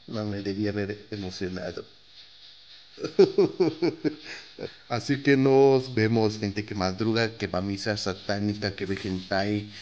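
Excitable young Mexican man, slow-talking. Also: on the low side, dull audio, a little hiss or hum. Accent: Mexican Spanish. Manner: excitable, nervous, yelps and groans, swears freely. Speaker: mobile game YouTuber. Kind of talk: casual gaming commentary.

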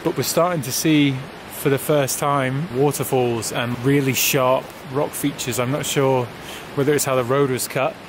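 A man's voice: mid-range voice, steady tone, normal speed, few pauses, noisy background. Tired man filming himself outdoors. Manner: chatty, laughs often, self-filming. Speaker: touring cyclist vlogger. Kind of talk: casual video diary. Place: outdoors by a highway.

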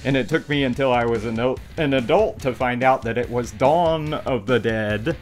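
A man's voice: medium pitch, normal speed. A middle-aged man presenting a video game show casually to camera, with tongue-in-cheek horror-host flourishes. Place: small dark indoor room. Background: guitar music.

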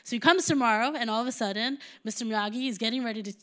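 Woman, 30s, church preacher; conversational sermon delivery that rises to forceful emphasis, higher register. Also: fast talker.

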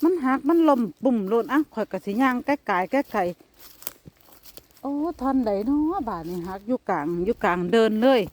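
A woman's voice: a little high, expressive, moderate pace. Woman with an Isan accent, chatty vlogger. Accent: Isan (Northeastern Thai). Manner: chatty, calls out loudly to her cats. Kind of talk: casual walking vlog. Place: outdoors in a forest.

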